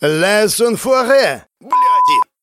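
A man voicing a hot-headed young male driver, yelling and cursing. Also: very high-pitched, huge pitch swings, drawn-out words, background noise, pitched above the performer's own voice, exaggerated voice. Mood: furious.

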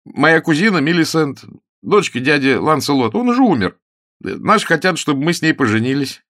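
A man voicing a hot-tempered, jealous young gentleman who blusters and sulks, in an audiobook. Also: on the high side, sing-song, moderate pace, dry recording, clean studio sound, pitched above the performer's own voice. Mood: eager. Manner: blustering, sulky.

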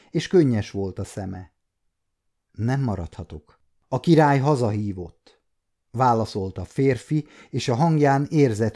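Dark-voiced man in his fifties narrating. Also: mid-range voice. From Hungary. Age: 50s. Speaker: audiobook narrator. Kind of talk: scripted narration.

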